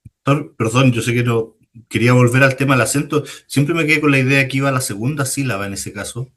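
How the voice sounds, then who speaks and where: Polite hesitant student. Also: male voice, medium pitch, fast talker, fairly bright tone. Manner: polite, hesitant, apologizes before asking. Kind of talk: asking questions in class.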